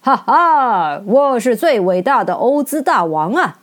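A woman voicing a majestic, stern giant head who speaks slowly and commandingly in a children's storybook reading. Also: fairly high pitch, very animated. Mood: imposing. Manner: slow, loud, commanding.

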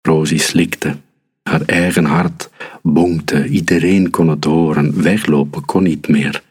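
A man reading a children's story aloud, calm and unhurried. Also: extremely low pitch, breathy edge.

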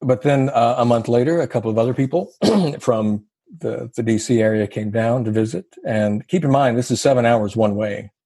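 A man recounts his past in a husky voice, recorded close and dry. He tells it with a wry, self-deprecating humor and easy laughter, in a relaxed interview. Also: mid-range voice, moderate pace, no echo. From American South. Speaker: guest. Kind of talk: conversational storytelling interview.

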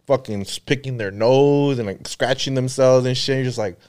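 A man's voice: mid-range voice, moderate pace, darkish tone, smooth. A man in a casual group chat, talking in loose slang and swearing freely.

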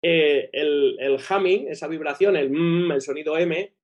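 A man with a fairly high voice speaks a little slowly as a guest breathing coach in an interview. He has a broken, operated nose and wears a nasal dilator, explaining things enthusiastically and often checking in with tag questions.

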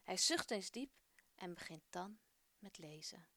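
A woman hosting a children's radio program, reading a family story aloud in clear, warm storytelling. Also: lowish voice, expressive, unhurried, no echo. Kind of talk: scripted story narration for children.

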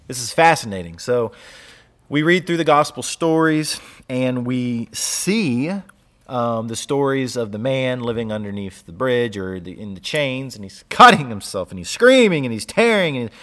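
A young man with a Southern US drawl co-hosts a relaxed faith conversation. He talks with animated energy, laughs easily, and often restarts his phrases. His voice sits at a middle pitch. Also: moderate pace. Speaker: podcast co-host, church leader. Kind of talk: casual faith discussion, reading scripture aloud.

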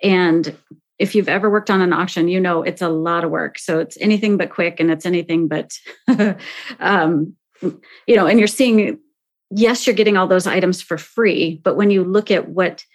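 A woman hosting a podcast interview in a conversational style. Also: lowish voice. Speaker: podcast host.

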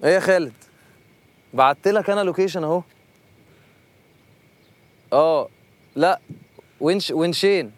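A man's voice: fairly high pitch, moderate pace, pauses often, no echo. A man with an Egyptian accent in a comic sketch, easygoing and polite but mildly exasperated. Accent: Egyptian Arabic.

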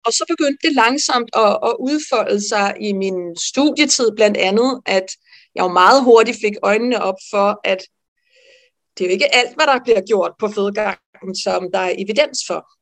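A woman midwife telling a personal story in an interview, lively and animated, with frequent fillers. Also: mid-range voice. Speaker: midwife guest.

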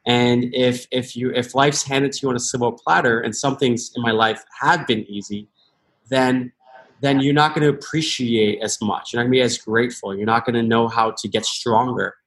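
A man's voice: medium pitch, steady tone, moderate pace, a bit bright. Earnest American man telling his story. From United States. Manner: earnest, thoughtful, with frequent restarts. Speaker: podcast guest. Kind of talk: reflective interview talk.

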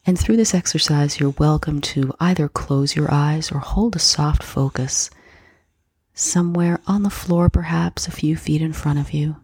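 A woman guiding a slow breath-counting meditation in a soft, gentle, breathy voice with unhurried pauses. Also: sits low, no room sound. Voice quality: soft, breathy, husky, often near whisper. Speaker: meditation guide.

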